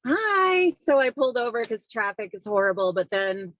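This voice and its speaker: A woman calling in by phone from a parked car, breezy and quick to laugh. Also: fairly high pitch, sing-song, a bit bright, no room sound, dull audio. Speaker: panelist, former board member. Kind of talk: video call from a parked car.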